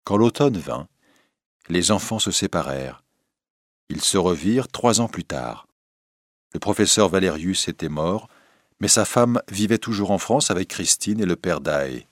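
A man narrating a classic novel as a read-aloud audiobook at a steady storytelling pace. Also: low voice, unhurried, no room sound, clean studio sound.

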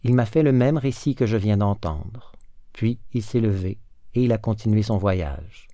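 Kindly old storybook priest, soft and reassuring, read by a man, low mellow tone. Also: measured pace, no room sound, studio quality, close to an everyday voice. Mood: gently moved. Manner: softly moved, reassuring. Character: kindly elderly male priest, gentle.

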